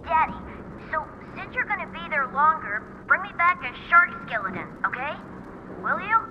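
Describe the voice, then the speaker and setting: A woman's voice: high voice, very animated, moderate pace, highs cut off, background noise. An actress voicing a little girl who leaves an earnest, chatty voicemail for her absent father, heard as answering machine playback.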